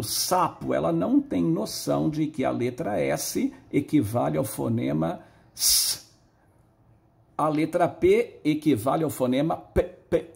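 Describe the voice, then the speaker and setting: Man teaching a lesson, higher voice, patient and explanatory, stretches out example words. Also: creaky, darkish tone. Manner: patient, explanatory, drawn-out words when modeling. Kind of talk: recorded lesson on early literacy.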